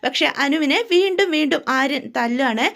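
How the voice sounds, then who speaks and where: A woman's voice: sits high, lively intonation, moderate pace, a bit bright. A woman casually retelling a family drama serial, chatty, acting out the characters' lines with feeling. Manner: chatty, tags lines with a casual "you know". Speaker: storyteller recapping a serial. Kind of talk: casual spoken story recap.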